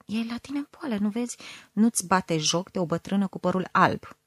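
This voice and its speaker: Woman doing a scornful old mother, loud and scolding. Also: medium pitch, animated, no room sound, clean studio sound, natural voice. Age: older. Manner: loud, scolding, hissing through teeth. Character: scornful bossy old mother, pious and sharp-tongued.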